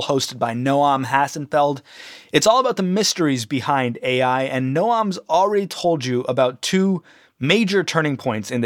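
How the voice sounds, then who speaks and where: A man hosting a podcast, reading scripted introductions and sponsor copy. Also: fairly high pitch. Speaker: podcast host. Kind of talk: scripted narration and ad reads.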